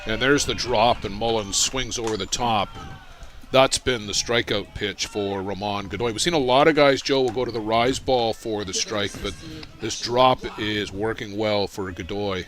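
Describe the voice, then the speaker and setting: A man calling a softball game play by play, calm and measured between pitches. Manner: calm, building to excited calls. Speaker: play-by-play commentator. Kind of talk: live sports commentary.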